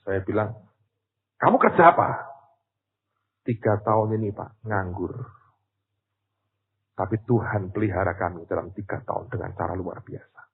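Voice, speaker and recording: A man preaching a sermon in with a tinge, telling a story and swinging between hushed asides and loud cries. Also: on the low side, normal speed, long pauses, husky. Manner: animated, swings from quiet to loud cries, addresses audience as "saudara". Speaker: pastor. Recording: tinny lo-fi recording in a reverberant hall.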